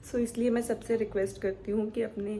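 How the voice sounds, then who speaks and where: Soft-spoken young woman vlogger, slightly high. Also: little pitch movement, fairly quick, a little hiss or hum. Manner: subdued, soft-spoken and reflective. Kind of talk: personal vlog talk to camera.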